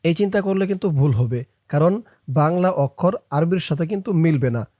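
A teacher giving a step-by-step recitation lesson, talking quickly between slow, drawn-out chanted phrases and asking viewers to repeat each one. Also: medium pitch, animated, warm tone, dry recording, studio quality.

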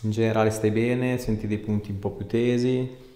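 An osteopath in a small indoor treatment room casually gives a patient encouraging, reassuring instructions. His fairly low, dark voice barely moves in pitch and keeps a moderate pace, and the audio has echo, faint noise and a distant mic.

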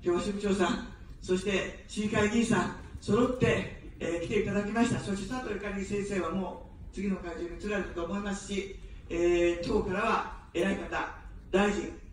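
With a steady tone, medium pitch and moderate pace, a woman campaigns for election in an evening outdoor speech. Her Japanese is standard with no accent, and she blends jokes with heartfelt requests for votes. The sound is a very echoey, distant street PA with a little hiss or hum.

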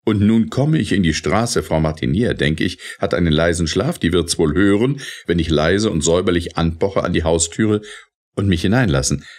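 A man's voice: low-pitched, expressive, moderate pace, darkish tone. A man voicing an honest, frightened servant in an audiobook reading, rambling breathlessly through his tale. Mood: anxious telling.

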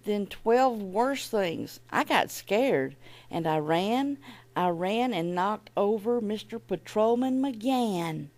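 A woman reading a children's picture book aloud at an elementary school, with an expressive, animated delivery. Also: mid-range voice, takes it slowly.

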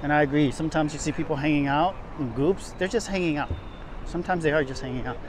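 The voice is a man's, a little high and quick, as he strolls downtown sidewalks giving a casual vlog tour. He rambles and keeps repeating and rephrasing himself. The handheld camera records clear outdoor street noise and traffic.

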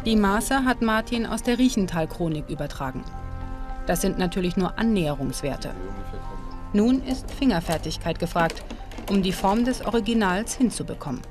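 Over background music, a woman delivers documentary voice-over in a mid-range voice, her tone calm, measured and informative.

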